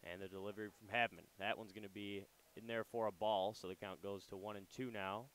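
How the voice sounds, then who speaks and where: Here a young man in a ballpark booth handles casual radio play-by-play and commentary for a baseball game. He talks a little fast in a fairly low voice, chatty and relaxed, with loose fillers.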